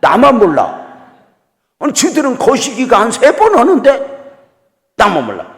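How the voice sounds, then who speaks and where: A middle-aged man preaching a revival sermon as a guest pastor, swinging between loud exclamations and quiet storytelling and putting questions to the congregation. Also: very high-pitched, wildly swooping pitch, measured pace. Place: church sanctuary. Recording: church hall reverb.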